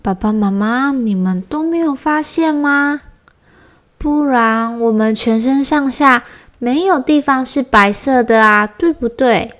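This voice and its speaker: Brief: woman voicing a curious little boy cub, high and playful, storybook. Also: unhurried. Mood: playfully explaining. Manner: bright, playful child voice.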